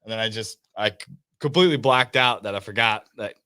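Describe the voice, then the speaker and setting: A man guesting on a relaxed podcast. His voice is low and he keeps it subdued. He drops dry, deadpan jokes. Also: a little fast, clear, resonant tone. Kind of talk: casual podcast chat.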